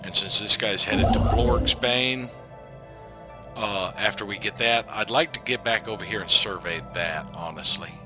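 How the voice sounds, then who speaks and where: A man's voice: on the low side, unhurried. A man giving casual gameplay commentary as a let's play host, thinking aloud and trailing off into frequent ums. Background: game music.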